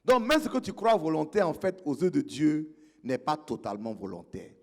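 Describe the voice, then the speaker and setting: A man's voice: fairly high pitch, expressive, moderate pace. A male pastor preaching a sermon, explaining scripture in a teaching tone and asking the congregation questions.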